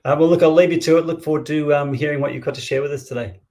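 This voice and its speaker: A man's voice: on the high side, very fast, darkish tone. Man hosting a virtual event. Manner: reads a formal introduction, then chats loosely. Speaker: event host. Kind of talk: introducing a speaker.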